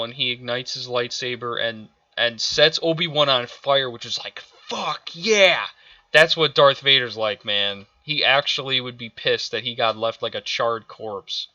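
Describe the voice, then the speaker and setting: A man's voice: mid-range voice, pushed and bright, dry recording, dull audio. A man ranting through a show review, exasperated and profane, stumbling over restarts as he vents. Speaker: video reviewer.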